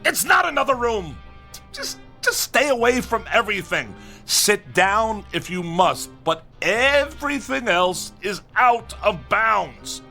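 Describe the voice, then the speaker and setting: In a comic radio drama, a male actor plays a pompous, exasperated nineteenth-century scholar, using fussy, formal, old-fashioned diction. His voice is high, exaggerated, and very animated yet slow, with a creaky, pushed, bright quality, and faint music plays behind him.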